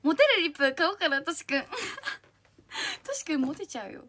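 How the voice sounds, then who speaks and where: A young woman with a slightly husky, strained throat, hosting a livestream in a bubbly, cutesy way, reading out and thanking commenters. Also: sits high, sing-song, normal speed, bright, forceful tone. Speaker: idol livestream host.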